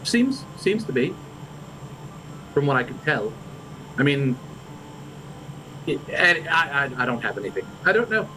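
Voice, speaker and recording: Man, fantasy improv chat, stammering, rambling, bright tone. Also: medium pitch, very animated, unhurried, pauses often, slight background noise, low-quality recording. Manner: stammering, rambling, many restarts. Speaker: livestream role-play host.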